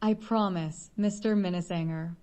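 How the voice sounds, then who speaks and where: A woman's voice: fairly low pitch, fairly even intonation, moderate pace, dark tone, close to an everyday voice. A woman reading the lines of an obliging male hologram chauffeur, deferential and apologetic.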